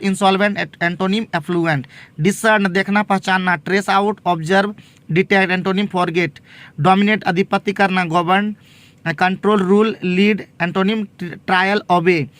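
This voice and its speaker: A man's voice: sits high, a bit bright, no room sound. A man tutoring vocabulary, reading out words, meanings and antonyms in a terse, list-like way with small fillers. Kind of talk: reading out word lists.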